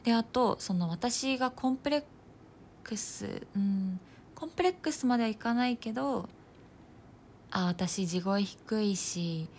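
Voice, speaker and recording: A young woman in her twenties chatting casually on her own, thinking aloud as she goes, with plenty of fillers and the odd soft laugh. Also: fairly high pitch, measured pace, slight background noise. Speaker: nursing student podcaster. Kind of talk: casual solo talk.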